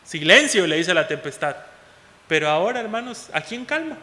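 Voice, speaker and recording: A man preaching a sermon as pastor, often calling out to the congregation as "hermanos" and moving between loud and soft passages. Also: high-pitched, very animated, brisk. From Mexico. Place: church hall. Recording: long hall reverb.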